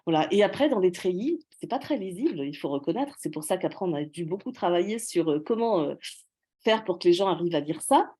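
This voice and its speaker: Low, mellow-voiced woman giving a lecture. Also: expressive, fairly quick, husky. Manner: explanatory, frequent fillers and self-corrections. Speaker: researcher giving a talk. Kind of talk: academic presentation.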